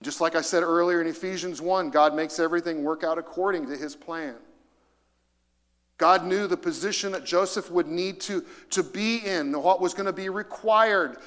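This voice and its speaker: A man's voice: high voice, normal speed, fairly bright tone. A male pastor preaching a sermon, emphatic and repetitive, inviting the congregation to read along with him. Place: church sanctuary. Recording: long hall reverb.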